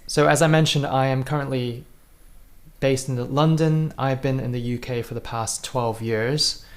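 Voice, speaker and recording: A Singaporean man in his thirties, a guest in an interview, reflects on his personal story in an earnest, thoughtful way, often restarting his sentences. His voice is mid-range and steady, at normal speed.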